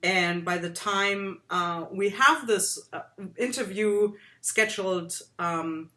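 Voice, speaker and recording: A woman's voice: medium pitch, slow, bright, forceful tone. A woman hosting a casual interview, bubbly and giggly, with lots of ums and likes. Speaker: interview host.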